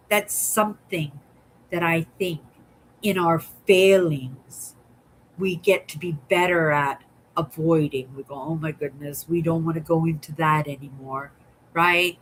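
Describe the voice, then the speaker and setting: A woman in her sixties speaks slowly and thoughtfully with a fairly low voice. She muses through her thoughts and keeps checking in with a soft "right?". A faint hiss of noise sits behind her. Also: rough recording. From Canada. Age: 60s. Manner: musing, ends phrases with a questioning "right?". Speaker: vlogger. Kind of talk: reflective casual monologue.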